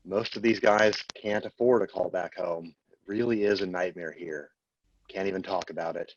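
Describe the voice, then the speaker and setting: A man reading a jailed brother, worn down and resigned, his voice very deep and steady. He muses over his days inside without rushing. The sound is muffled and a little lo-fi, with faint noise underneath. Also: close to an everyday voice. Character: incarcerated adult brother writing home, weary. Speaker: play reader. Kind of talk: staged play reading.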